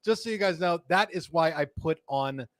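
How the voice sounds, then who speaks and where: A man's voice: fairly high pitch, moderate pace, no room sound. A man hosting a live cigar show, chatting casually, joking and reading viewer comments aloud. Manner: jokey, rambling, reads viewer comments aloud. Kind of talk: casual live-stream chat.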